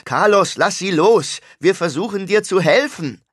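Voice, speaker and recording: A man voicing an alarmed male doctor who calls out loudly and urgently. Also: sits high, lively intonation, unhurried, breathy edge, dry recording, studio quality, pitched above the performer's own voice, exaggerated voice. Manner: loud, urgent.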